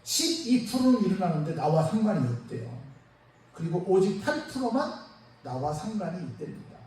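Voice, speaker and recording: A man preaching a Sunday sermon as pastor, lively and conversational, throwing rhetorical questions at the congregation. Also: sits high, moderate pace. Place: church sanctuary. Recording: echoey church sound from far off, faint noise.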